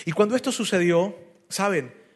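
A man preaches with a high, animated voice, asking his listeners direct questions as he tells the story. He acts out the voices of the people in it. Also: moderate pace, husky. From Venezuela. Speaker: pastor. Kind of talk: sermon.

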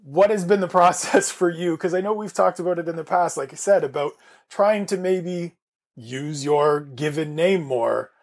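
A man's voice: on the high side, moderate pace. A man from Canada hosting a casual podcast chat, talking in a rambling way with restarts. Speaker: podcast host.

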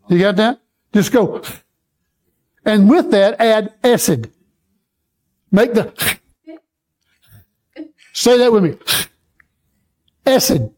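A man preaching a sermon, teaching slowly and checking in with the congregation as he goes. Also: sits high, a little mellow. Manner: slow, repetitive, checks in with the congregation. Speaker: pastor.

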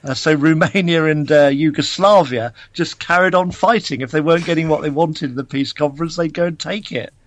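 A man appearing as a guest historian and reenactor, answering interview questions in a measured, knowledgeable way with dry humour. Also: a little high.

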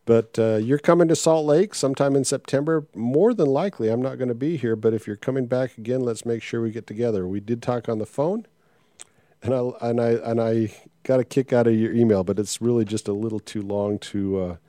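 A man's voice: mid-range voice, fairly quick, mellow, no room sound. A man hosting a podcast in a casual, conversational way, making announcements to his listeners. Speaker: podcast host.

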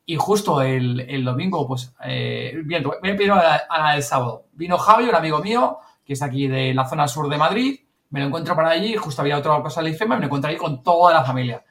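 A man with a Castilian Spanish accent races through a casual story in a bright, somewhat high voice, captured from a distance. His delivery is very fast and colloquial, animated like a podcast host trading anecdotes with colleagues.

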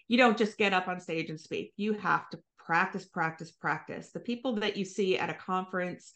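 A woman guest on a podcast interview, explaining her points in a thoughtful, measured way. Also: on the low side, fairly bright tone. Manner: thoughtful, explanatory, occasional fillers. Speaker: marketing executive guest. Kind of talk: conversational interview.

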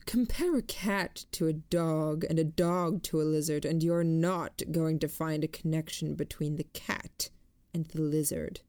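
A woman's voice: deep voice, steady tone, darkish tone, dry recording. A woman reading as a cold, detached killer. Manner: slow, detached, lecturing. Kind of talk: audiobook reading.

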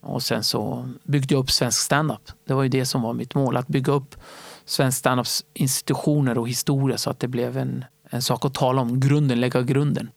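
Gravelly, animated male storyteller. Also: mid-range voice, dry recording. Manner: animated, acts out other people's voices. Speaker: stand-up comedy entrepreneur and guest. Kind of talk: casual interview storytelling.

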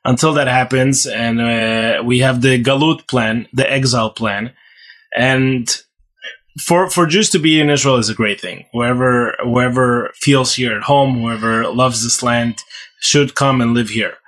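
A man from Ukraine speaks as a rabbi guest on a podcast. He talks earnestly and haltingly, pausing on fillers, in a voice of ordinary middle pitch. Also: a bit bright. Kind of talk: podcast interview.

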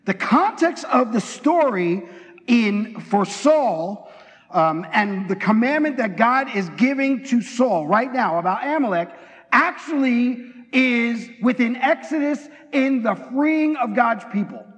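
A man preaching an energetic sermon in a church, talking fast and excitedly and acting out bits of dialogue. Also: very high voice. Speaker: pastor. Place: church sanctuary. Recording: long hall reverb.

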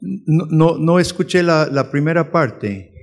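Earnest high-voiced man teaching in a hall. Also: expressive. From United States. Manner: earnest, rises to forceful urgency when preaching; halting restarts and fillers. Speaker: missionary teacher. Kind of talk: church lecture with questions.

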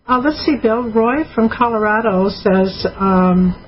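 A woman's voice: mid-range voice, a little slow. A woman co-host chats and teases while reading listener emails aloud. Her voice sits mid-range for a woman, carried on dull, lo-fi radio audio with a faint hiss. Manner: chatty and teasing, reads emails aloud. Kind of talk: casual radio call-in talk.

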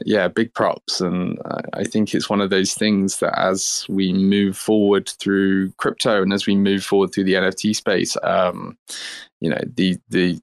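A man speaking casually and haltingly in an online group chat, thinking aloud with enthusiasm. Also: sits low, gravelly, no room sound. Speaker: NFT project team member speaking as guest. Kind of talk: casual talk in an online audio space.

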